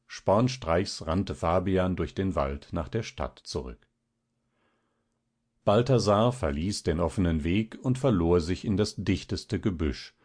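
A male audiobook narrator reading classic fiction in a measured, expressive way. His voice sits fairly low.

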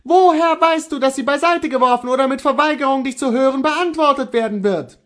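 A man voicing a distraught young wife in a classic story, frightened and pleading in a high, breaking voice. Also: expressive, normal speed. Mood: alarmed. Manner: shrill, high, breaking with alarm.

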